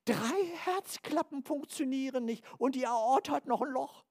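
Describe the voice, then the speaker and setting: A man in his seventies preaching a sermon in a lively way, acting out quotes and dropping into quiet asides. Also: very high voice, moderate pace. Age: 70s.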